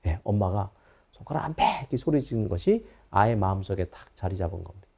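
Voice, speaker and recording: A psychology professor in his fifties delivers a recorded lecture. He speaks with a very expressive, wide-ranging pitch and a storyteller's manner. The audio is a little dull and lo-fi. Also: quick pace, gravelly. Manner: storytelling lecturer who acts out anecdotes.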